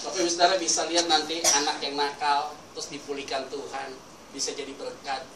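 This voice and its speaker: A man's voice: fairly high pitch, flat delivery, a little fast. A male pastor preaching a sermon, telling stories and calling out questions for the congregation to answer. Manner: storytelling with call-and-response to the congregation. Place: church hall. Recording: echoey hall mic from a distance with ambient noise.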